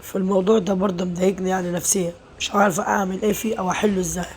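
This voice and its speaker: A woman's voice: medium pitch, little pitch movement, rapid-fire, darkish tone, a little hiss or hum. A middle-aged Egyptian woman, a mother, confiding her worries in a casual vlog, weary and venting, full of pious phrases. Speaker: mother and home vlogger.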